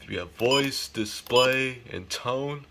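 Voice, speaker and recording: An American man hosts a hobbyist unboxing and setup video, walking through the demo casually and informally, with an occasional swear. His mid-range voice is slow, with background noise present.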